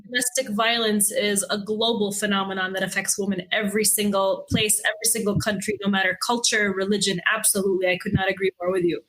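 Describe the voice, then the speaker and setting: Woman, interviewer, direct questions, mid-pitched. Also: level tone, quick pace, few pauses, a bit bright, low-quality recording. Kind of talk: interview conversation.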